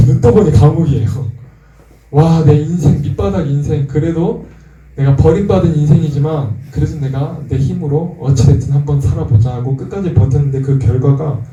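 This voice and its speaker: Mellow-voiced Korean pastor preaching from afar. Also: male voice, on the high side, muffled recording. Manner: conversational, asks the congregation questions. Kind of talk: sermon. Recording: echoey room from far off.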